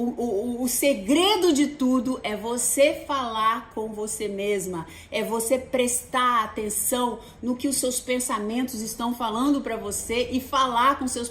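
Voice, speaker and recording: A Brazilian woman talks to her viewers in a high, lively voice. She gives casual advice, chatty and animated. The room carries a noticeable echo. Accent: Brazilian Portuguese. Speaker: host. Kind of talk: casual advice talk to camera. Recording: echoey room.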